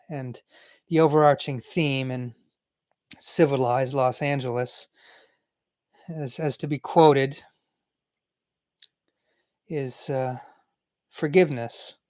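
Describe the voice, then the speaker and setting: A man reading a book aloud cold, stumbling and correcting himself, with halting, reflective pauses when he speaks for himself. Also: mid-range voice, a little mellow, no echo. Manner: stumbling cold read with slips and self-corrections. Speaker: reader and commentator. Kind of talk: cold read-aloud of a book with personal asides.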